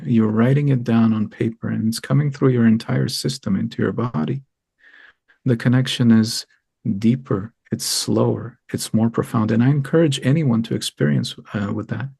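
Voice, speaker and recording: Israeli guy on an interview, husky voice, thoughtful, lots of ums and restarts. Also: medium pitch, darkish tone, no echo. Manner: earnest, thoughtful, halting with many ums. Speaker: guest. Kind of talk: reflective interview talk.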